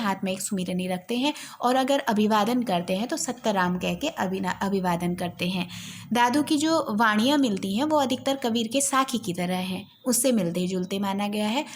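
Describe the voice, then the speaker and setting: A woman teaches an exam-prep literature lesson, explaining patiently, repeating key points and using lots of fillers. She recites verses slowly and with care in a medium-pitched voice, with slight background noise.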